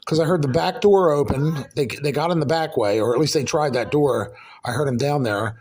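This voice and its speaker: Guy venting to his camera at home, swears a lot, rambles, kinda high voice. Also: fairly quick, a little mellow, husky. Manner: profane, rambling, heated storytelling. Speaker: vlogger recounting a dispute with a neighbor. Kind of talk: casual angry rant to camera. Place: his apartment, indoors.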